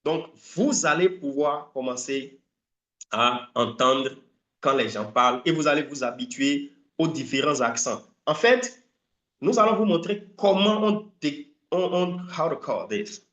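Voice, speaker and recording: A man giving a live online English training talk, lively and emphatic, often stopping to hunt for a word. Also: fairly high pitch, measured pace, echoey room. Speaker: English language coach.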